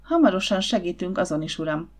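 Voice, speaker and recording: Eager sweet young woman, soft and polite, audiobook scene, read by a lady. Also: on the low side, animated.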